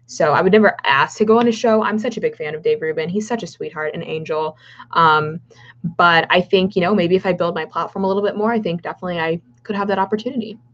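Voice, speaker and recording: A young adult woman with a Californian Valley girl accent chats casually on her livestream, answering viewer questions at a quick pace. Her voice is on the low side yet fairly bright, full of fillers and restarts. The livestream audio sounds dull and lo-fi.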